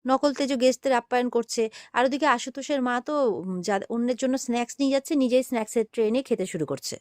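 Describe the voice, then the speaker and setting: Rapid-fire woman retelling a story. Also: a little high, no echo, clean studio sound. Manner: rapid, with fillers like "um" and "aah". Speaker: serial recap narrator. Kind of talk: fast storytelling recap.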